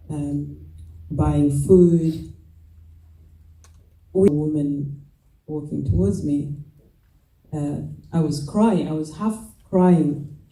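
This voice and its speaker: Rwandan woman, dark voice, roomy echo. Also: sits low. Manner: halting and reflective, with many pauses, fillers and restarts. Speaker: genocide survivor giving a testimony. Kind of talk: personal testimony talk. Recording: roomy echo, mic at a distance.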